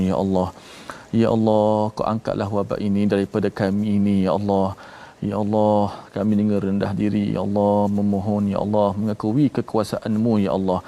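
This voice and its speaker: A man leading a recited supplication prayer, repeating invocations in a steady rhythm. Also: lowish voice. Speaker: religious teacher leading prayer.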